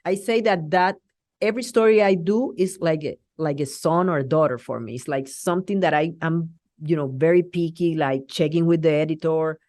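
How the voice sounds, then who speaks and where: A middle-aged TV journalist from Puerto Rico, whose first language is Spanish, speaks English as a guest in a casual interview. Her low, dry voice is lively yet halting as she restarts sentences, with no room sound.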